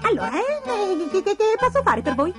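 A woman's voice: very high voice, sing-song, moderate pace, over loud music, pitched above the performer's own voice. A woman voicing a clumsy, flustered female mole who stammers, in a storybook reading.

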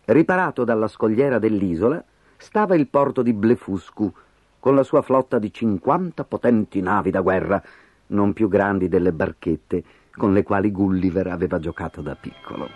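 A man reading a storybook aloud in an expressive, animated way. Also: on the low side, normal speed, no echo. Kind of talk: scripted storybook narration. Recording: slightly dull audio with faint music.

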